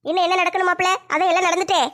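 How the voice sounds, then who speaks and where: A woman playing a sharp-tongued, bossy middle-aged mother in a comedy skit, scolding and giving orders. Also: very high voice, little pitch movement, racing. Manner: scolding, commanding.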